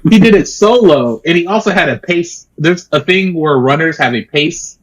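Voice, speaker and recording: A man's voice: on the high side, animated, moderate pace, low-quality recording. A man co-hosting a podcast, explaining news stories in casual chat and joking around. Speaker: podcast co-host.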